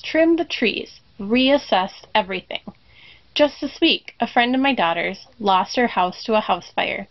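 A middle-aged woman with a fairly high voice gives a children's reflection in church. She talks slowly and deliberately and returns again and again to a short refrain. The recording sounds dull and lo-fi. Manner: slow, deliberate repetition of a refrain. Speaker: congregation member giving a reflection.

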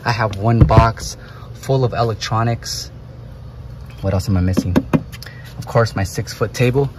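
A man's voice: on the low side, a little slow, very noisy. A man vlogging about his photo booth business, talking casually and energetically to camera while he loads his gear outdoors. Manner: energetic, hypes himself up, playful. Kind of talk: casual vlog talk to camera. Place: outdoors by a vehicle, loading equipment.

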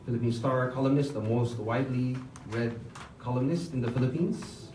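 A man's voice: medium pitch, moderate pace. Young man emceeing at a lectern, echoey room. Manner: polite, formal, hesitant with frequent uh fillers. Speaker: master of ceremonies. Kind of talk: formal award ceremony emceeing. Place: hotel function room, at a lectern. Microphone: lectern microphone, filmed from far off. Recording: roomy far-off hall sound with music. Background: background music.

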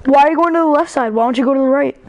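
Woman, high voice, game streamer, casual chat, teasing, giggly. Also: very fast, darkish tone. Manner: giggly, teasing, shrieks when surprised. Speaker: gamer streaming a match.

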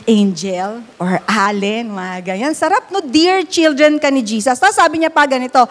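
Woman preaching in a big echoey hall, high voice, chatty and animated, mixes in english bits. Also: normal speed. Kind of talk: sermon.

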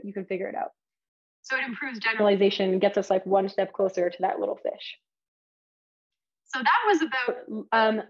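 A woman lecturing about research in a conversational, enthusiastic manner, her voice a little higher than most. She walks listeners through ideas step by step, with plenty of asides. The recording sounds somewhat muffled and lo-fi. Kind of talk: academic lecture.

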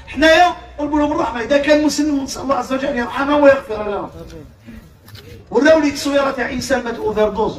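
A man with an Algerian accent preaching to a live crowd, passionate, swinging from shouts down to hushed tones. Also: extremely high pitch, echoey room, recorded from a distance. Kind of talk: sermon to a live audience.

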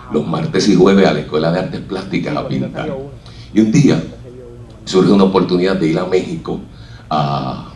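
A man's voice: deep voice, mellow. A Puerto Rican man with a Puerto Rican Spanish accent, telling his life story on stage and acting out what others said. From Puerto Rico. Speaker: speaker at a talk. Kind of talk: personal storytelling talk. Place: stage in a hall with an audience. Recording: echoey hall, voice from a distance.

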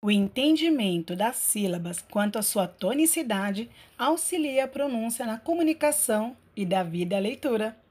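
A woman's voice: on the high side, animated, normal speed, few pauses, a little mellow, slightly rough. A woman narrating a scripted grammar lesson as a teacher, stretching out key words.

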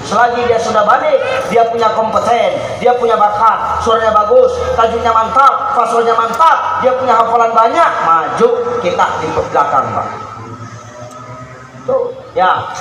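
Brief: high-pitched male preacher, comic sermon, long hall reverb, faint noise. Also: unhurried. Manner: lively, jokey, addresses the audience as "Pak". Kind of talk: humorous sermon.

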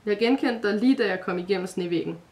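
A woman's voice: mid-range voice, darkish tone, natural voice. A woman voicing a shy young male dream spirit in a storybook reading, hesitant and apologetic. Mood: earnest.

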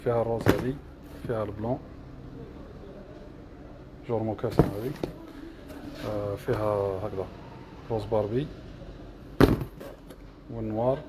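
Amid heavy background noise, a man with an Algerian Arabic accent and a lowish, steady voice presents shoes on a livestream from his shop. He moves at a moderate pace, pausing often as he rattles off a list of prices, sizes and colors.

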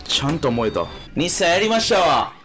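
A drunk man with a Kansai accent rambles through a game livestream. His voice sits a little high and swings widely in pitch, with music playing behind him. He talks casually, as a streamer commenting on his play. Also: sing-song, normal speed, a bit bright. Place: small room at home, indoors.

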